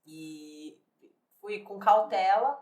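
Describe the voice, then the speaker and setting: A bodybuilding athlete in her thirties shares her life story in casual chat, speaking candidly and ramblingly with plenty of fillers and restarts. Her voice is medium-pitched with a darkish tone, and she draws out her words.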